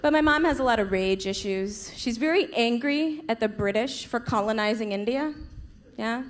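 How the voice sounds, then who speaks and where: A woman from the United States doing a stand-up set on a club stage, with punchy delivery and quick switches into parent voices. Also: a little high. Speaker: stand-up comedian. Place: comedy club stage with audience laughing. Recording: live club recording with crowd noise.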